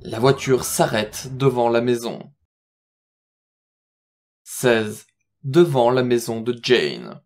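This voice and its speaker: A man's voice: medium pitch, animated, slow pace, pauses often, a little mellow. A man narrating an audio drama from a script, describing scenes.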